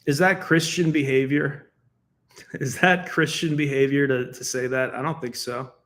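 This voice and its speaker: With an unhurried pace and a mid-range, fairly bright voice, an American man gives solo political commentary in a steady tone. He's defensive and argumentative yet casual, laughing between points and speaking conversationally with fillers and restarts.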